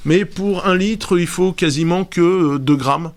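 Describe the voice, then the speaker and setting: A man's voice: high voice, unhurried. A man presenting a segment on a radio show, explaining things casually and hesitantly, with many fillers.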